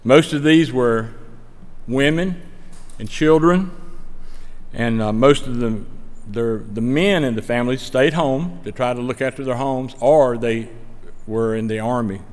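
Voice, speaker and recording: Over a slide show, a man presents a plainspoken, earnest report on a mission trip to a church, folksy and conversational in his Stokes County, North Carolina accent. He speaks a little slowly in a medium-pitched, slightly mellow voice, and the audio carries long hall reverb.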